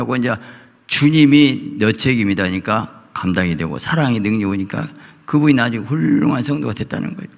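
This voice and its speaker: A male pastor preaching a sermon at a prayer meeting, dropping to quiet asides and rising to loud fervent cries as he acts out prayers. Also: medium pitch, vocal fry. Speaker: senior pastor. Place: church sanctuary. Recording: long hall reverb.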